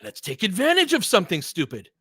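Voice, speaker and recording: His voice is high, fast, and fairly bright with a breathy edge, the pitch swooping wildly, in a clean, dry studio recording. The man is calling a basketball game live as an open fan of one team, using short, clipped fragments for each play.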